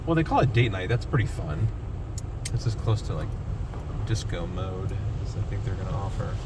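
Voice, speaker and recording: A man's voice: low-pitched, animated, normal speed. A man chatting casually as a dad in a family vlog, recorded inside a car at a car wash. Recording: distant mic, loud car and wash noise.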